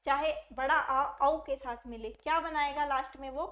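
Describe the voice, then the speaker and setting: A woman's voice: high-pitched, steady tone, moderate pace, a bit bright. A woman teaching a grammar lesson for exam aspirants, who keeps asking her own questions and answering them patiently. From India.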